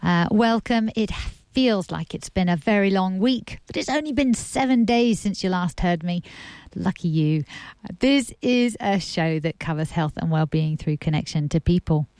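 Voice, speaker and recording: A woman hosting a radio interview show, with measured, formal phrasing. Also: on the low side, animated, darkish tone, clear, resonant tone, dry recording. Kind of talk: scripted introduction and interview.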